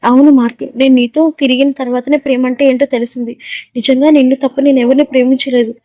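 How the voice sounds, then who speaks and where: A heartbroken young woman pleading that her love is real, voiced by a woman narrator. Her voice is high and fast, earnest and pleading. The tone is warm and dark, recorded dry and close. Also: flat delivery, dry recording, close to an everyday voice, rough recording. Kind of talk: audio story reading.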